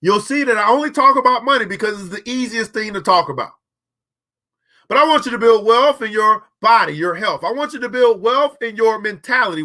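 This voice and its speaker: His voice sits high and sounds sharp as this podcast host, a man in his forties, preaches about money in a motivational talk. He speaks straight to listeners and repeats phrases for emphasis.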